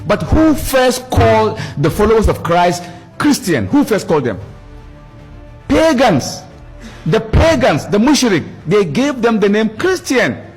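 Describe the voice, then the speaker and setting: A middle-aged man speaks to a gathering in an animated storytelling lecture, his pitch sitting slightly high and leaping up and down. His voice has a husky edge, and he repeats words over and over for emphasis. Faint music sits behind him. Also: a little slow. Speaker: Islamic speaker.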